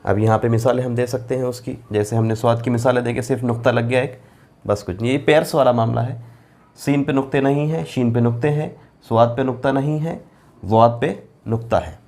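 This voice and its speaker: A male Quran reading teacher in the middle of a board lesson, walking a class through the letters. He is patient and repeats himself often, stretching each letter name out slowly so nobody misses it. His voice sits at an ordinary middle pitch. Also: steady tone, mellow. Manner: patient, repetitive, drawing out letter names slowly.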